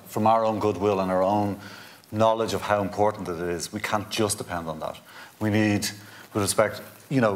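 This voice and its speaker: A man, arguing urgently and insistently on a conference panel. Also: low voice. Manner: urgent, insistent, stumbles on restarts. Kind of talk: panel discussion. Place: indoor conference stage.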